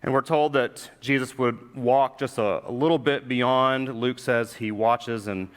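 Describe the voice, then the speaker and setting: A man preaching a sermon, reflective and measured, slowing and dropping quiet when he quotes scripture. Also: medium pitch, fairly even intonation. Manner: reflective, slows for emphasis, drops quiet when quoting scripture. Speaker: pastor. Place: church sanctuary. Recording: long hall reverb.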